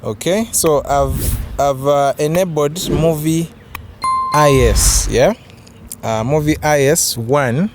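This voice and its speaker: A man's voice: on the high side, slow, music in the background. A young man with a Ugandan accent giving a casual camera review vlog, a bit hesitant and repeating his words. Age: young adult. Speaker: photography vlogger. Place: open grassy yard outdoors.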